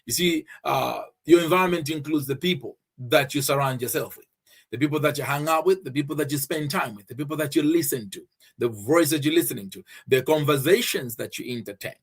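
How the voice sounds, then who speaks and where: Brisk and husky, with a fairly high pitch, a preacher from Zambia hosts his faith-based podcast. He teaches in an earnest manner, returning to key phrases again and again and frequently starting over with filler words.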